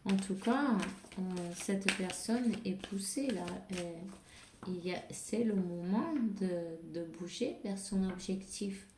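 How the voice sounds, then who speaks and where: A woman's voice: mid-range voice, slow, dark tone, a little hiss or hum. A woman doing a casual spiritual card reading, hesitant with many fillers and restarts. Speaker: tarot card reader. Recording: echoey room.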